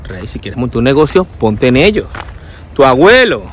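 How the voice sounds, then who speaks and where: A man's voice: mid-range voice, big pitch swings, normal speed, a little hiss or hum. A man giving casual sarcastic commentary, often mimicking people. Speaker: vlogger.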